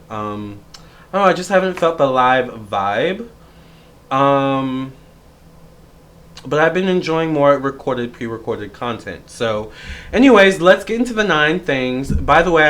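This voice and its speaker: A thirty-year-old man who reads tarot talks through a casual, reflective vlog monologue in a medium, slightly bright voice. He rambles, with lots of fillers and restarts.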